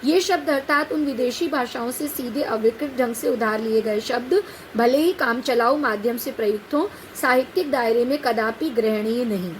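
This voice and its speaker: A woman with a high, bright-pitched voice teaches a class in a patient, explanatory way. She keeps asking rhetorical questions and checking whether her students follow. Faint noise hums behind her. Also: normal speed, poor audio. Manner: patient, addresses students as "बेटा". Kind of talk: classroom lecture on a set text.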